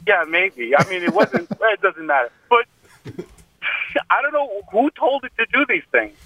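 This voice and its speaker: A man's voice: high-pitched, sing-song, normal speed, bright, forceful tone, no room sound. Man on a choppy, breaking-up phone line. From Queens, New York. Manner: rambling, hesitant with many fillers. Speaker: caller. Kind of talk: casual call-in chat.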